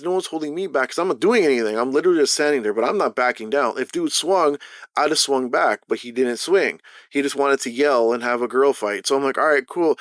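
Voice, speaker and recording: Profane, animated Canadian man telling a story. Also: medium pitch, dry recording, clean studio sound. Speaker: gaming vlogger. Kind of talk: casual storytelling over gameplay.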